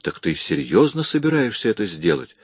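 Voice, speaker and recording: A man reading an audiobook, voicing a bored, spoiled young rich woman with flat, reluctant replies. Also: medium pitch, a little fast, creaky, husky, no room sound, studio quality, pitched above the performer's own voice, full character voice. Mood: weary.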